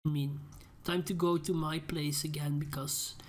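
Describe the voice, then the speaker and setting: A man's voice: on the high side, level tone, moderate pace. A young man giving casual gameplay commentary, rambling into ranting asides. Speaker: gaming channel host.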